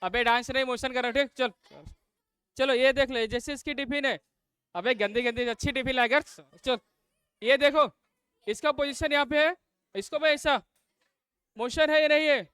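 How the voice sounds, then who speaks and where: A man's voice: very high voice, fairly even intonation, moderate pace, pauses often, a bit bright, clear, resonant tone, no echo. A man teaching a live class. He fires call-and-response questions at his students and scolds the noisy ones.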